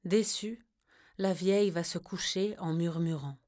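Low, slow woman reading a children's tale. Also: a little mellow. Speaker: narrator.

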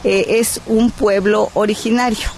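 A Mexican woman speaks as a guest on a radio interview, in a voice of medium pitch. She presses her points earnestly and persuasively, and pauses often on "eh" while she finds her words. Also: steady tone, a little mellow, slight background noise. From Guerrero, Mexico. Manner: earnest and persuasive, with frequent "eh" hesitations. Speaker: cultural advocate, interview guest.

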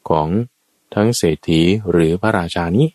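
Deep-voiced Thai preacher telling a tale. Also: male voice, moderate pace, no echo. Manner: lively storyteller, acts out quoted characters with sudden high shouts. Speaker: dharma preacher. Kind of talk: storytelling Buddhist sermon.

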